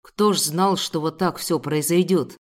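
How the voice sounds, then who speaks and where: A commanding male ruler from a fantasy audiobook, as a woman narrator puts him on. He speaks lower than the narrator's own voice, stern and insistent but caring underneath. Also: unhurried. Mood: gently. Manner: insistent, urgent calling.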